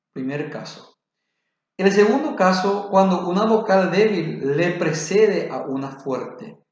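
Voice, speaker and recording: Slow, deliberate man teaching grammar. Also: high-pitched. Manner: slow, deliberate, spelling out examples. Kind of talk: spoken grammar lesson. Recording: very echoey, dull lo-fi room.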